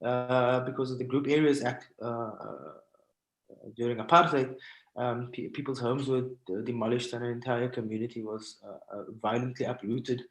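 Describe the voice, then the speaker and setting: A guest artist from Cape Town, South Africa tells stories informally over a video call from home, in a mid-range voice with a steady tone. He halts and pauses often. Captured through a video call microphone, the audio sounds roomy and echoing.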